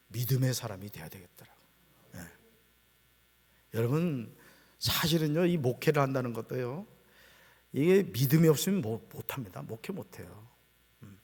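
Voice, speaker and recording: A man preaching in a church sanctuary, his voice sitting high and leaping up and down in pitch. He moves from loud calls to the congregation to hushed, low remarks. Long reverberation hangs after every phrase in the large room. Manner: call-and-response preaching, swings from loud exclamations to low quiet asides. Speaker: pastor. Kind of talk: sermon. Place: church sanctuary at dawn prayer service.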